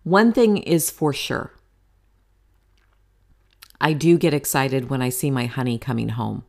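A woman's voice: very deep voice, unhurried, gravelly, darkish tone. A woman in her forties hosting her own podcast, talking candidly and chattily about happiness in a motivational tone, with some casual swearing. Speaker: podcast host. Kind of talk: solo podcast monologue.

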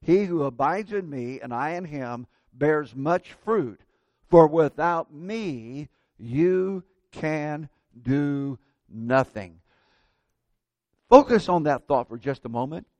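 A man preaching a sermon at a pulpit microphone, earnest and measured, slowing down to stress key words. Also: fairly high pitch, animated, darkish tone, no room sound.

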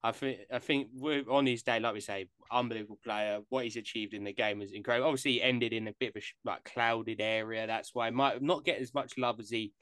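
A man's voice: medium pitch, fairly even intonation, fast, hardly any pauses, fairly bright tone, clear, resonant tone, no echo. A man hosting a casual podcast chat, jokey and rambling. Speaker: podcast host.

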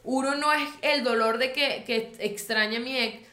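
A young woman with a Venezuelan accent gives blunt, slang-heavy advice on a podcast. Her voice sits a little high. She is recorded in an echoey room. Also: normal speed, pushed and bright. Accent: Venezuelan Spanish. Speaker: podcast co-host. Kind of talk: casual advice chat.

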